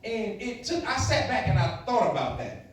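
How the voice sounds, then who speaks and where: Heard from a distance in a very echoey room with faint noise, a late-thirties motivational speaker gives young people a frank, blunt talk punctuated by rhetorical questions. His high-pitched voice has a sing-song lilt at normal speed.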